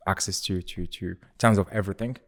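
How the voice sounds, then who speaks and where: A man with a very low voice, co-hosting a casual podcast interview. He asks questions in a friendly, inquisitive way. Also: fairly even intonation, brisk. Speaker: podcast co-host.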